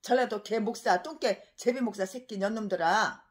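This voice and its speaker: A woman pastor giving an expository sermon in a fiery, scolding manner, swinging between shouting and low muttering. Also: moderate pace.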